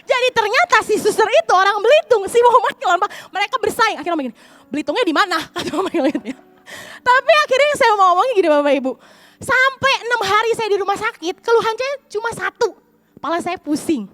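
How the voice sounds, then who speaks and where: A young adult woman pastor preaching in church, telling a personal story with lively acted-out dialogue. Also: very high-pitched, fast talker, dry recording. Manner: lively storytelling, acts out quoted voices.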